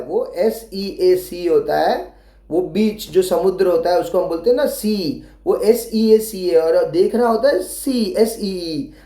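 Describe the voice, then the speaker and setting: A woman's voice: medium pitch, dark tone, echoey room. A woman teacher explaining an English lesson for young children in Hindi, spelling words letter by letter and asking them questions.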